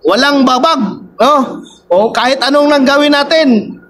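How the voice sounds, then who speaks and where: A man's voice: very high voice, unhurried, fairly bright tone, slight background noise. A man giving casual commentary to his viewers, constantly addressing them and tagging his lines with a questioning "no?". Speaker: vlogger, political commentator.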